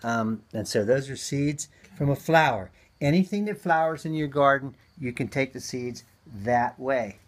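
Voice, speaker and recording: A man's voice: medium pitch, moderate pace. Folksy man teaching seed saving. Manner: folksy, chatty, many ums and uhs. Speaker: gardening teacher. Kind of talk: casual hands-on demonstration.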